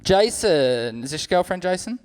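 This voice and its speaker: High-pitched South London male comedian. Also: sing-song, moderate pace. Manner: chatty, cheeky, uses slang. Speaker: stand-up comedian. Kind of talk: live stand-up comedy with audience banter.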